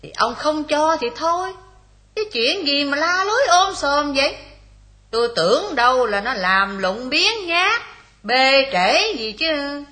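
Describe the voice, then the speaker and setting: A woman's voice: sits high, sing-song, unhurried, bright, forceful tone, exaggerated voice. An actress playing a scheming rich landowner's wife who talks sharply to her husband.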